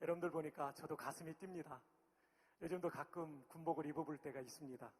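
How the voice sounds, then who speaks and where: A man's voice: a little high, steady tone, quick pace, darkish tone. A middle-aged man from Chungcheong, a pastor and former army chaplain, preaching a sermon in a friendly, chatty way. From Chungcheong, Korea. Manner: friendly, chatty, cheering the crowd on. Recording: long hall reverb.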